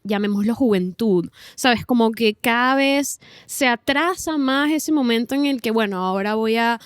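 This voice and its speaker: A woman's voice: fairly high pitch, clean tone, dry recording, studio quality. A woman in her twenties co-hosting a podcast, talking thoughtfully and unhurriedly in casual chat, often checking in with her listener. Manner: thoughtful, unhurried, uses tag questions. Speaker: podcast co-host.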